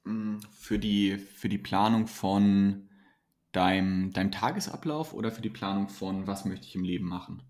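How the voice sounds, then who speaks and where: A man's voice: on the low side, moderate pace, a little mellow. A man, a mentoring coach, giving earnest, motivational answers in a podcast interview, often restarting his sentences.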